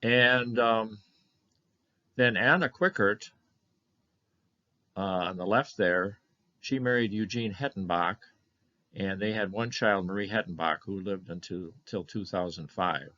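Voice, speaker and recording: Older man, slow and halting lecturer, bright slightly low voice, muffled lo-fi room recording. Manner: halting, many fillers and restarts. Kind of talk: presenting a slide lecture on family history. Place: meeting room of a historical society.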